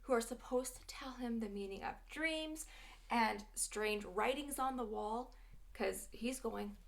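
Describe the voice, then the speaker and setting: A woman leading a children's church lesson, singing and telling a Bible story with animated delivery and sudden whispers for suspense. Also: on the high side, unhurried, gravelly, roomy sound, distant mic. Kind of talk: kids' Bible lesson with song.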